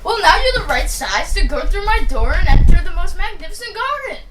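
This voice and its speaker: A woman's voice: extremely high pitch, big pitch swings, brisk. A woman playing a dramatic, dryly teasing talking door in a children's stage musical, with a theatrical manner. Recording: noisy stage recording with clicks.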